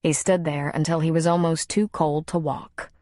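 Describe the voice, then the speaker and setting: A woman narrates a romance novel in a measured, steady reading. Her voice sits low for a woman, and the recording is dry and close, with no room sound. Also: no echo. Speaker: audiobook narrator. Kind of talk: scripted narration.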